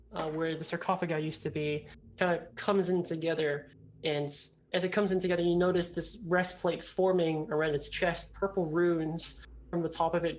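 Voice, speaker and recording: A man improvising descriptive narration as game master of a tabletop game, halting and conversational. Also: fairly high pitch. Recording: background noise.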